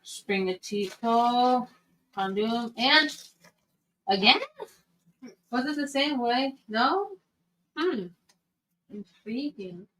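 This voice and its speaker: Slow, musing woman reading out cards. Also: on the high side, animated, a bit bright, slight background noise. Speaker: pack opener. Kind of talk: casual chat, reading out cards. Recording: distant mic in a room.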